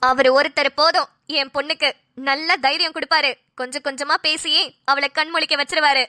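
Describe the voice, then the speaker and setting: A woman voicing a confident middle-aged mother who speaks proudly of her daughter's partner in an animated cartoon. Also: high voice, a little fast, no echo, clean studio sound. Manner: assured, proud.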